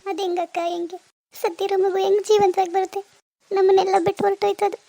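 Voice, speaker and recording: A young village mother voiced by a woman pleads in a very high voice. She keeps asking frantic questions, in a homemade village drama. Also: little pitch movement, fast talker, vocal fry, mellow. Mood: grieving.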